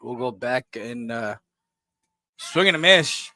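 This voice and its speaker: A man doing play-by-play commentary for a local softball game, calling pitches and reading sponsor spots with plain fillers. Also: lively intonation, slow pace, no room sound. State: coughing fits. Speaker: play-by-play announcer.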